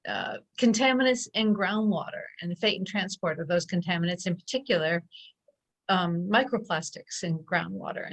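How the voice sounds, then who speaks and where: A woman with a lowish, fairly bright voice hosts an online science event over a video call. She talks casually and hesitantly, filling her speech with lots of fillers, and is picked up by a computer microphone.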